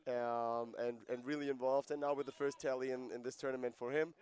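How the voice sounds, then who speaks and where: Delivering live lacrosse play-by-play, a man talks conversationally and fills the gaps between plays with explanations of rules and player backgrounds. He has a medium-pitched, darkish voice, speaks a little fast, and keeps his tone level.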